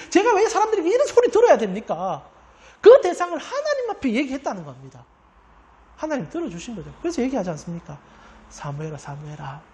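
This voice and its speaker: A woman's voice: fairly high pitch, darkish tone. A woman pastor preaching a sermon in an earnest, emphatic way, often turning to address the congregation directly.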